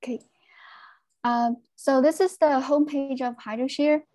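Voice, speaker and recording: A woman giving a technical presentation on a video call, speaking in a measured way with frequent fillers. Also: high-pitched, steady tone, warm tone, no room sound.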